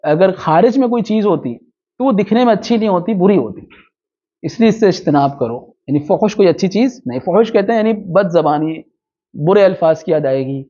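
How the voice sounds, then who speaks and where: A man teaching a religious lesson. He reads Arabic passages slowly, then explains them with quick asides and rhetorical questions. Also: high voice, animated, mellow. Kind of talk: hadith lecture, reading Arabic text and explaining it. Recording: dull lo-fi recording.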